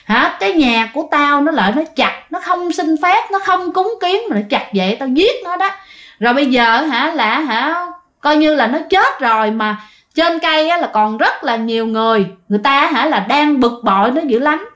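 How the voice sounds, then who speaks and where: A woman's voice: sits high, animated, normal speed, fairly bright tone. A woman putting on a threatening tree demon. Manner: threatening, demanding, scornful. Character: menacing cackling tree demon possessing an old village woman.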